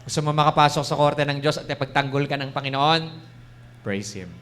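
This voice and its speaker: A man's voice: fairly high pitch, brisk, a bit bright, smooth. A man with a Filipino accent preaching a sermon in a conversational mix of languages, acting out the devil's taunts. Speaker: bishop preaching.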